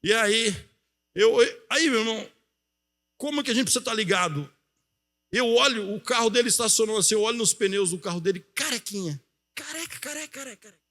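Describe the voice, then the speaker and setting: A male pastor preaching a sermon in a church, telling a story with animated delivery and acting out the voices of the people in it. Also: high-pitched, brisk. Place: church auditorium.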